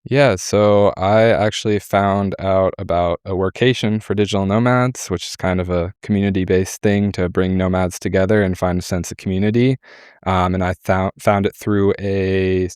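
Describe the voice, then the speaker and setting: A man's voice: sits low, fairly even intonation, normal speed, a little mellow, clean tone, no room sound, studio quality. A man who is a guest on a podcast, talking in a casual, chatty way with fillers. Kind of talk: podcast interview.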